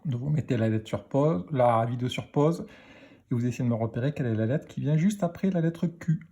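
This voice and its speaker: Man, teacher, slow deliberate phonics lesson, husky mellow voice. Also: mid-range voice, lively intonation. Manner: slow, deliberate, spelling out sounds.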